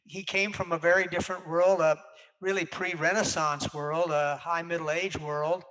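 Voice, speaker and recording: Halting older man hosting a talk. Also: on the high side, level tone, a bit bright, rough recording. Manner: hesitant, many filler uhs. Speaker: host. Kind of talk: hosted conversation.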